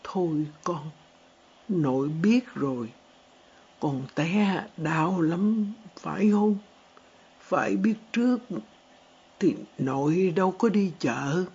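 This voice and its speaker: A tender, worried old grandfather, put on by a woman reading a storybook, speaking in a low, unhurried voice. He talks softly, as if calming a small child. The audio is dull and lo-fi, with faint music underneath. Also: husky, exaggerated voice. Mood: soothing. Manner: soft, slow, soothing.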